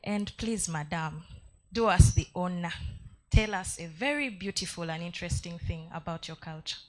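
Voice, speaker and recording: A woman's voice: fairly low pitch, moderate pace, a little mellow. A woman with a Ugandan accent informally hosting a live audience, playfully coaxing people to take part. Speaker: event host.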